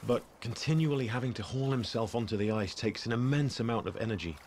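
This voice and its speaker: A man delivers scripted nature documentary narration in a measured, storytelling way. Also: medium pitch, a little mellow, slight background noise. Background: background music.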